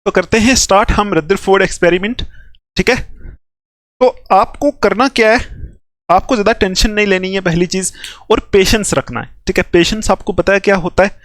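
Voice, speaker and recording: A man's voice: high voice, a little fast, no room sound. A young man who is a chemistry teacher, lecturing a class step by step and checking in with his students after nearly every phrase.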